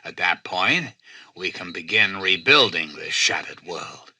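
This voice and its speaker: A male actor playing a self-styled president in a video game, a calculating artificial intelligence who speaks in formal, measured, persuasive oratory. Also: low voice, expressive, pushed and bright, husky, no echo, full character voice. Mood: commanding. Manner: grandiose, measured, courteous, persuasive. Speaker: president addressing personnel and listeners.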